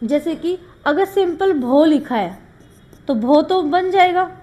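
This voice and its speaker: A woman's voice: extremely high pitch, expressive, takes it slowly, warm tone. A woman teaching shorthand, explaining rules step by step and mixing English terms into Hindi. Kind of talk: classroom lesson.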